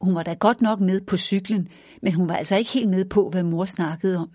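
A woman narrating a children's storybook in a gentle, even read-aloud manner. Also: lowish voice, no echo, studio quality.

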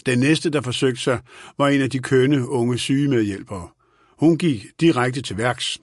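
A man narrates an audiobook in a calm, even, steady reading voice. His voice sits at a middle pitch. The recording is dry and close. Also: no room sound.

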